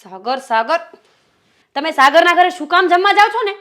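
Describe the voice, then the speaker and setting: An actress playing a jealous wife who accuses her husband in a family drama, sharp and sarcastic. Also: extremely high pitch, expressive, normal speed, a little hiss or hum. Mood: accusing. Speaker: suspicious wife. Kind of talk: Gujarati short-film family drama acting.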